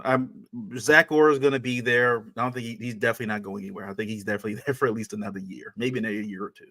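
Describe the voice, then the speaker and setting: A man's voice: on the high side, a bit bright. A man co-hosting a sports podcast, talking casually and emphatically, often repeating his points and restarting sentences.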